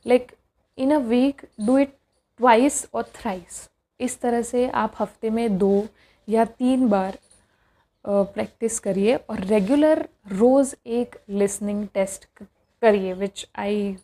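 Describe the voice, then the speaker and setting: Young woman doing a tips video, kinda high soft voice, takes her time, lots of pauses. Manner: unhurried, pausing often to gather thoughts. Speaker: test-prep tips vlogger. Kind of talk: casual spoken advice to viewers.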